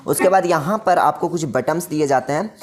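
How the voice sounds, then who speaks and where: A man's voice: a little high, a little fast, loud music behind the voice. A man giving a casual product demo, explaining each step and often checking in with the viewer. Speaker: music shop staff demonstrating a keyboard. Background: faint keyboard tones.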